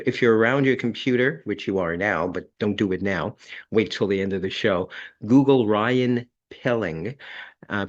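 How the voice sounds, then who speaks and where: A man hosting an online magic show, giving effusive, halting thanks and introductions. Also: on the low side. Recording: dull lo-fi online audio.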